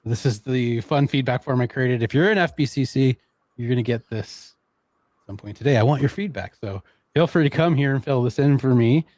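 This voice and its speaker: A man with a Canadian accent runs a live software demo in a loose, chatty way and breaks into easy laughter. His voice is of middle pitch. The sound is dry and close. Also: a little fast, no room sound. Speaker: presenter.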